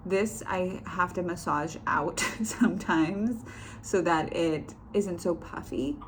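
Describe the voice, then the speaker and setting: Woman in her 20s just chatting to camera, lowish voice, informal, noticeable noise behind her. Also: takes it slowly. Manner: informal, conversational, quotes others in reported dialogue. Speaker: vlogger. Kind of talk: casual chat to camera, personal update. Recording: clear background room noise.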